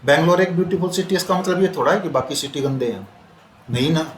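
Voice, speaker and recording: A man teaching a classroom grammar lesson, repeating words slowly and quizzing his students as he explains. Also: a little high. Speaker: English teacher. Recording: roomy classroom with faint noise.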